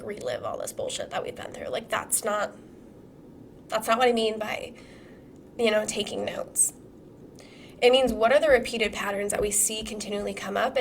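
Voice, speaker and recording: A hoarse woman who is sick, teaching a live-streamed trauma-healing masterclass in a casual, swearing, animated way full of rhetorical questions. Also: on the high side, slight background noise.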